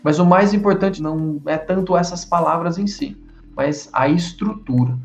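A man's voice: a little high, normal speed. Brazilian-sounding guy teaching english, upbeat, lots of "very good", echoey room, faint music behind. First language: Portuguese. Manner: encouraging, repeats drills, praises often. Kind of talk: online English lesson.

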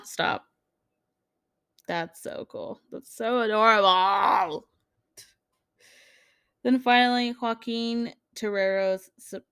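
A woman's voice: mid-range voice, no echo, clean studio sound. Casual, swearing woman podcast host. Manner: casual, swears freely, laughs often; acts out quoted characters in jumped-up voices. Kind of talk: casual chat reading fan comments.

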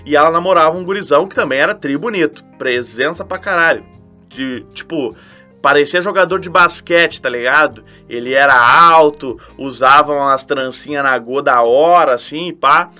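A young man with a southern Brazilian gaúcho accent, hosting a podcast and telling a self-mocking story in animated, profane slang. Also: fairly high pitch, moderate pace, soft background music. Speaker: podcast host. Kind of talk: casual storytelling monologue.

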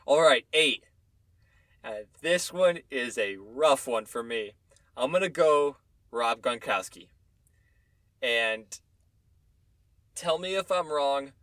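A man's voice: medium pitch, lively intonation, takes it slowly, pauses often, fairly bright tone, dry recording. A man hosting a casual fantasy football talk, counting down his top ten picks and backing them with opinions and stats. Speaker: fantasy football podcast host.

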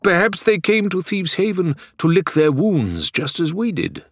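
A man's voice: high voice, very animated, unhurried, dry recording, studio quality, pitched above the performer's own voice, exaggerated voice. A man voicing a formal, courteous male pirate who speaks with grave precision. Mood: consoling.

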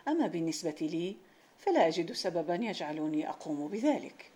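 A woman's voice: lowish voice, big pitch swings, a little fast, dark tone. A woman reading the lines of a humble, earnest young male servant in a folk tale. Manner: polite, earnest.

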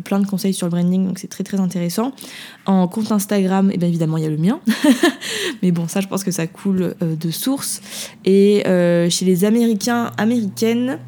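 A woman's voice: medium pitch, warm tone. A woman podcast host answering listener questions in a casual, hesitant way, with many fillers and self-mocking laughs. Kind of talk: casual spontaneous chat.

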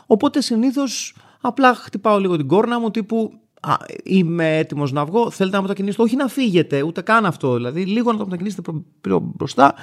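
A man in his thirties from Greece hosts his show with a casual, storytelling monologue. His voice sits a little high for a man. He is wry and animated, and he acts out the lines of the people in his stories. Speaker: radio show host.

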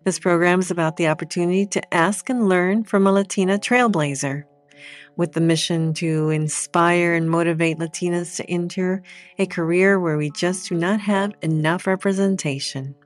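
A woman's voice: fairly low pitch, steady tone, moderate pace, soft background music. A woman hosting an interview podcast, reading a scripted intro and then asking loose questions with fillers. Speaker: podcast host.

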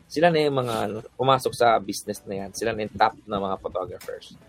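A man's voice: fairly low pitch, fast talker. A man, a photographer guest, chatting casually and telling stories from his work, switching freely into English. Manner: relaxed storytelling, mixing English in. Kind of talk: casual podcast chat.

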